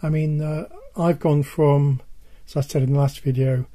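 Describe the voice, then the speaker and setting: An older man presenting casually in a halting way, his hoarse, worn voice giving out as he stresses his points. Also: on the high side, fairly even intonation, dark tone. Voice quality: husky, dull and worn. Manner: halting, repeats points for emphasis. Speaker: presenter of a music tech video. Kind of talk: casual product-advice talk.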